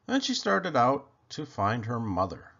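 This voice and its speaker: A man reading a children's story aloud in an expressive, deliberate storytelling manner. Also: mid-range voice, gravelly, muffled recording. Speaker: children's book reader. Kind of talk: scripted storybook narration, read aloud.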